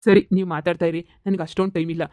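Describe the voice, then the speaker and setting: A man's voice: high voice, level tone, rapid-fire, mellow, no echo, natural voice. A man voicing a young adult son in a cartoon, firm and reassuring toward his parents. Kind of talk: cartoon voice acting.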